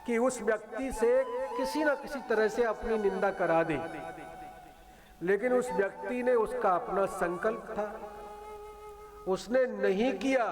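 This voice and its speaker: A man giving a devotional story sermon, teaching through parables and asking and answering his own questions. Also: high voice. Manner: chants scripture verses in a drawn-out singing tone. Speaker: spiritual preacher.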